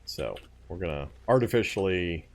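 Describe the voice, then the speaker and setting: A man with a low voice that swings up and down, talking through a survival game on a live stream. He explains how the mechanics work as he searches rooms, muttering his way through the loot, and laughs easily when reading viewers' chat. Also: animated, normal speed. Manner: thinks aloud while looting, explains game mechanics. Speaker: let's play streamer.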